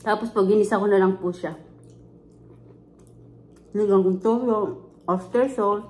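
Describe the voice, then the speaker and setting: A woman's voice: mid-range voice, a little slow, darkish tone. A woman with a Filipino accent hosting a mukbang, chatting casually and chewing as she talks. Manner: chewing while talking. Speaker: mukbang host. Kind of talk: casual chat while eating.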